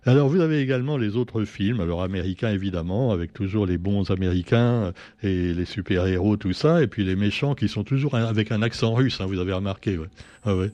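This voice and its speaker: A man's voice: on the low side, fairly quick, warm tone, no echo, lo-fi sound. A man hosting a casual press review, sardonic and chatty, full of fillers and asides, from Réunion.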